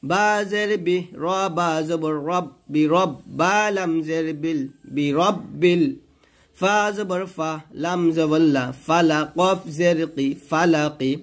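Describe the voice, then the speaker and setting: A man's voice: on the high side, slow. A man with a Bangladeshi Bengali accent, a Quran teacher giving a word-by-word pronunciation lesson. He spells out syllables one by one, drawls the recited words and asks the listener to repeat after him.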